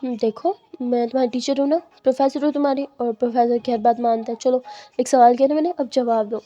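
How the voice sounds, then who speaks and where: A woman's voice: on the high side, steady tone, fast, warm tone, lo-fi sound, close to an everyday voice. A woman voicing a mischievous female professor who teases and scolds her student. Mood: teasing. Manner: teasing, scolding.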